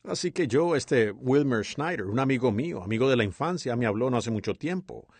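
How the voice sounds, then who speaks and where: A man voicing over a sermon as a dub, with a lively, expressive delivery. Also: mid-range voice, a little fast, slightly rough, no room sound. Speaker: sermon interpreter.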